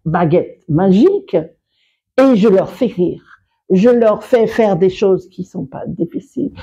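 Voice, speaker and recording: Husky woman coach chatting in an interview, slow and mellow, lots of restarts, dull lo-fi sound. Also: mid-range voice. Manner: expressive, quick to laugh, many restarts. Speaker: public speaker and coach. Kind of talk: interview conversation.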